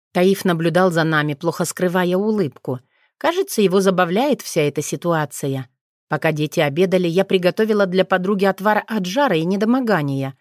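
A woman narrating a first-person fantasy audiobook, expressive and lifting her voice for the heroine's lines. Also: lowish voice, no room sound, clean studio sound.

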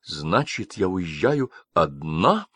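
A man's voice: very animated, slow, a bit bright, husky, no room sound, clean studio sound, exaggerated voice. A man reading an audiobook, voicing a tiny, spiteful old woman who shrieks and sobs in hysterics. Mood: cold. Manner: shrieking, shrill and tearful. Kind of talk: audiobook character voice.

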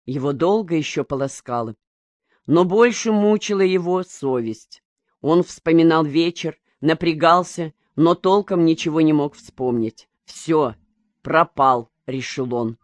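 A woman narrating a novel as an audiobook reader in an even, measured way. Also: low voice, no room sound. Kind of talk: scripted narration.

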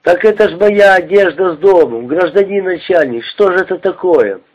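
A man's voice: high voice, expressive, moderate pace, voice pushed up. A man voicing a pleading, indignant male peasant prisoner with colloquial speech. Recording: dull lo-fi recording.

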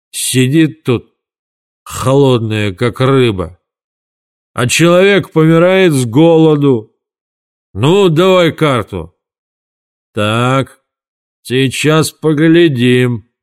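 A man voicing a furious, cursing grown man who runs a fairground gallery, shouting slowly and heavily in an audiobook, with faint music behind. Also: medium pitch, animated, smooth. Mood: grumbling. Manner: bellowing, cursing, slow and heavy.

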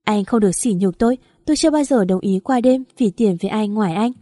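A woman reading the part of a hurt, defiant young woman in an audio story, with a mellow voice. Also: mid-range voice, fast, dry recording, clean studio sound, lightly acted. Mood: wounded. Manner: pleading, defiant.

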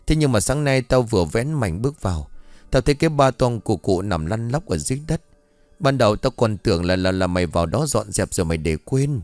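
Ghost-story reading: bossy old mistress of the house, sharp-tongued and scolding, as voiced by a man narrator, lively pitch, dry close sound. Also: brisk, no room sound, natural voice.

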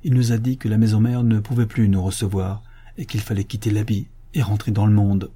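A man's voice: on the low side, fairly even intonation, fairly quick, mellow, husky. Man reading as a troubled mother superior nun. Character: anxious humble nun, mother superior, woman.

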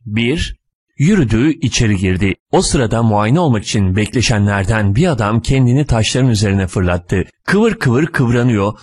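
A man narrating a short story in a measured, deliberate, dry manner. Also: fairly low pitch, lively intonation, darkish tone, slightly rough.

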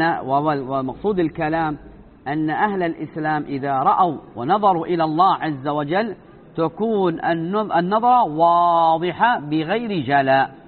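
A man teaching a religious lesson, explaining slowly, repeating and stretching key words and asking rhetorical questions. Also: a little high. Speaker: sheikh teaching Islamic creed. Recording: tinny phone-like lecture recording.

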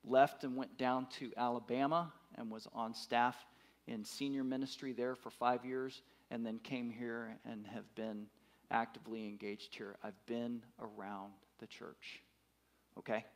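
A man's voice: mid-range voice, level tone, measured pace. Emphatic man in his fifties preaching. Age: 50s. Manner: emphatic, repeats words, asks the congregation questions. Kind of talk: sermon. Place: church.

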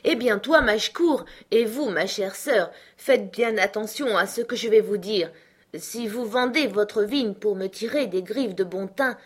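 A woman's voice: a little high, slightly rough. A woman voicing a proud, stubborn young uncle held in jail, in an emphatic, protesting manner.

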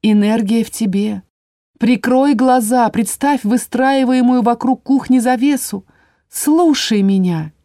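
A woman voicing a shrill, bossy house spirit. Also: a little slow, no room sound, clean studio sound. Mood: urgent. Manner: urgent, commanding, shouting orders. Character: bossy female house spirit in tree form.

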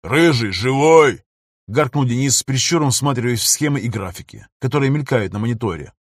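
A man reads an audiobook in dramatic narration, switching into the crew's shouted commands when they speak. His voice sits at an ordinary middle pitch, and the recording is dry and close to the mic. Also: animated, fast, no room sound.

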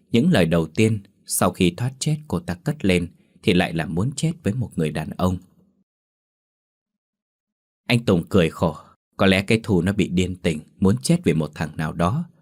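A man narrating a ghost story in a steady, scripted storytelling delivery. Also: low voice, normal speed.

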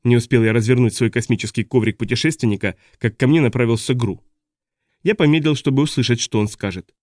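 A man reading a first-person audiobook in a steady storytelling manner. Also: medium pitch, quick pace, no room sound, studio quality. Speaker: audiobook narrator.

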